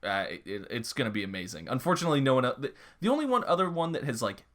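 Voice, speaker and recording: A man's voice: medium pitch, big pitch swings, fast, fairly bright tone. Rambling young man chatting on a podcast. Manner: rambling, lots of restarts and filler. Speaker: podcast co-host. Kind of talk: casual chat.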